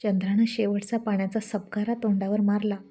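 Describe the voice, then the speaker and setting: A woman's voice: mid-range voice, little pitch movement, a little fast, background noise. A woman narrating a serialized story in a plain, conversational way.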